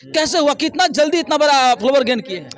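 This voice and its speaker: Fast, very high-pitched male interviewer. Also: expressive, a bit bright. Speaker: interviewer, channel host. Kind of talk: casual interview.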